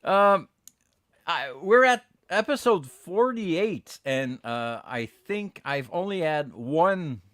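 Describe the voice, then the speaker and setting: A man with a Quebec French accent, a native French speaker, hosting a casual bilingual podcast and switching between English and French in an animated, hesitant way. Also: a little high, slow pace, no room sound, clean studio sound. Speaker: podcast host.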